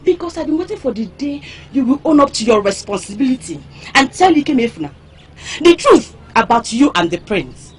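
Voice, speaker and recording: An actress playing a bold, sharp-tongued young village woman who taunts loudly and scornfully. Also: high voice, very animated, fairly quick, slightly rough, exaggerated voice. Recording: noisy background.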